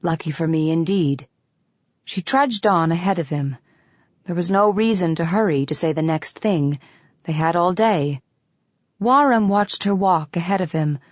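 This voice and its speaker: A woman narrating an audiobook in a measured, even reading. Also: on the low side, no room sound. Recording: dull dry studio audio.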